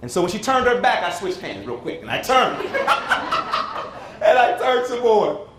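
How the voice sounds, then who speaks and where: A man's voice: sits high, sing-song, unhurried. A man in his forties from Chicago, giving a motivational keynote in a conference hall, dramatic and acting out the voices. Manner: dramatic, acts out quotes, asks the audience. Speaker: keynote speaker. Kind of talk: motivational speech, storytelling. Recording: roomy hall with faint noise.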